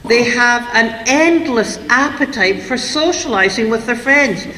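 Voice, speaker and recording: A woman giving a lively lecture to parents on raising teenagers. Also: on the high side, unhurried, slight background noise. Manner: lively, acts out parents and kids in quotes. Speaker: speaker on teen parenting. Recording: echoey hall, long reverb.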